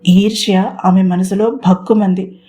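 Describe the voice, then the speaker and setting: A woman narrates an audio story with expressive, steady storytelling. Her voice is mellow and warm, never bright, set at an ordinary middle pitch. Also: unhurried. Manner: expressive storytelling, mixing in English words.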